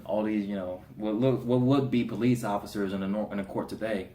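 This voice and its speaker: A man giving a casual spoken review of a TV episode, slangy and animated, slipping into voices for the characters. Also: fairly low pitch, brisk, a little hiss or hum. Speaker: TV show reviewer. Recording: roomy echo.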